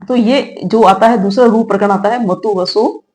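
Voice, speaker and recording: A woman's voice: medium pitch, normal speed, darkish tone, low-quality recording. A middle-aged woman teaching a grammar lesson. She explains step by step, asks questions and answers them herself, and checks in often with a short "all right". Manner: explains step by step with rhetorical questions, frequent "theek hai". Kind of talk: classroom lecture.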